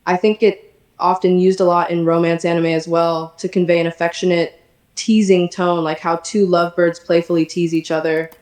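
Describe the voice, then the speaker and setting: A synthetic text-to-speech woman's voice playing a sassy, energetic female poodle chatbot, chatty and teasing. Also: fairly low pitch, moderate pace, roomy sound. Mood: playful.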